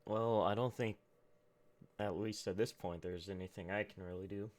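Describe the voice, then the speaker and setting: Low-voiced male player, doubtful. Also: steady tone, normal speed, darkish tone. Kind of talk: casual tabletop game play.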